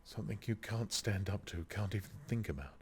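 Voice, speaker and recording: A man reading the part of a quiet, weary young woman in an audiobook, with a soft, hushed delivery. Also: fairly low pitch, animated, a little fast, breathy edge, full character voice.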